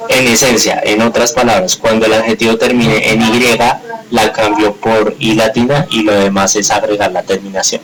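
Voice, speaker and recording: Patient low-voiced male teacher. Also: little pitch movement, moderate pace, few pauses, a bit bright, low-quality recording. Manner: patient, explanatory, checks in often with "listo?". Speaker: English teacher. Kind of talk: live online grammar class.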